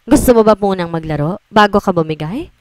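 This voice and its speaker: A woman's voice: mid-range voice, animated, a little fast, no echo, natural voice. A woman voicing a smug, defiant man who mocks his captor in a read-aloud story, in a raised, mocking voice.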